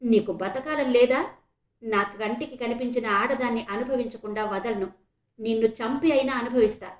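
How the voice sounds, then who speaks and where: A man's voice: very high voice, normal speed. Fake holy man, male, sly and threatening, read by a woman storyteller, echoey room, audiobook. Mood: menacing. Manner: coaxing then threatening.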